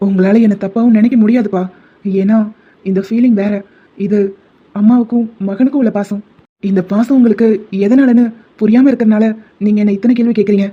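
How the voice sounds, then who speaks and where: A woman's voice: fairly high pitch, breathy edge. A woman voicing a motherly, secretive middle-aged woman in a Tamil cartoon, speaking reassuringly and evasively. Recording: dull lo-fi sound.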